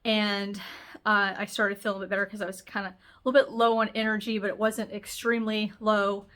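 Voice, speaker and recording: A woman's voice: medium pitch, flat delivery, fairly quick, a bit bright. Woman, health channel host, nasal, congested, casual, rambling, chatty. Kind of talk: casual talk to camera.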